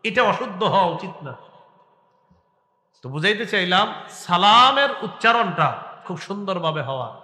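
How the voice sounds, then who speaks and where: Male preacher, high and bright, exhorting sermon style, questions and chanted Arabic, echoey hall. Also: lively intonation, moderate pace, pauses often. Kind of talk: Bengali waz sermon. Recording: echoey hall with long reverb.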